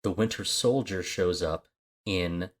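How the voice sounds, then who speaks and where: Unhurried and low-voiced, this man co-hosts a movie podcast in a relaxed, chatty way. His talk wanders, packed with filler words and false starts.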